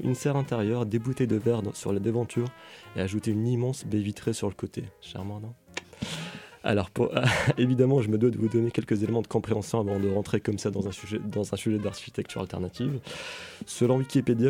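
Young man, radio columnist, low voice, dark tone, ironic, playful. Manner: playful, ironic, reads with asides. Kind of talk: scripted humorous radio column.

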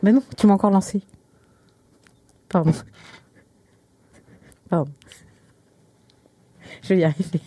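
A woman's voice: medium pitch, takes it slowly, long pauses, dark tone, slightly rough, no room sound. A woman co-hosting a radio show in casual studio banter, giggling often, into a studio microphone.

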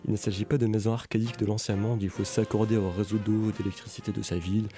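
A man's voice: fairly low pitch, level tone, fast talker, over music. A young man reading a humorous, ironic radio column with playful asides.

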